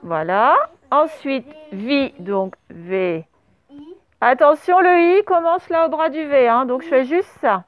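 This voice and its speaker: A female primary school teacher wearing a face mask gives a spelling dictation in a high, animated voice at a moderate pace, lengthening syllables and reading letters aloud. The audio is narrow and phone-like, with traffic heard through open doors.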